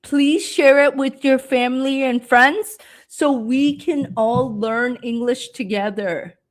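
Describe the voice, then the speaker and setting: Teaching a live-stream English speaking lesson, a Canadian woman uses a high-sitting voice, explaining slowly and patiently with lots of ums and uhs.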